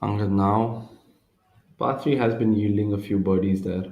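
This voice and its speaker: A man working as a golf commentator, calling tournament play live in a measured manner with pauses. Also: fairly low pitch, steady tone, gravelly, highs cut off. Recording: roomy, echoing sound.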